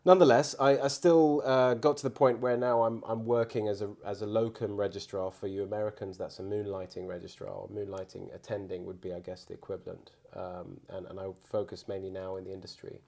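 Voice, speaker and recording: A man's voice: on the low side, level tone, brisk, creaky, hardly any pauses, darkish tone. A man giving conversational answers as a guest surgeon on a podcast.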